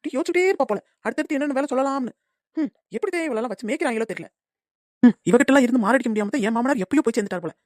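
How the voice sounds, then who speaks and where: A woman's voice: high-pitched, expressive, racing, a little mellow, no echo. A woman doing a sarcastic young daughter-in-law. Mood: grumbling. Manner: grumbling, sarcastic. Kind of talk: cartoon comedy voice acting.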